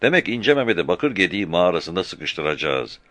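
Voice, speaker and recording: A man voicing an excitable soldier, a corporal, talking in an eager, agitated way, in an audiobook. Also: low voice, a little fast, dry recording. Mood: excited.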